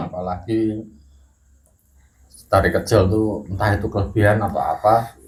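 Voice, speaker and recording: Low-voiced man telling a slow ghost story. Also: fairly even intonation. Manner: measured storytelling with pauses and occasional coughs. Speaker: guest storyteller. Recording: echoey room with faint noise.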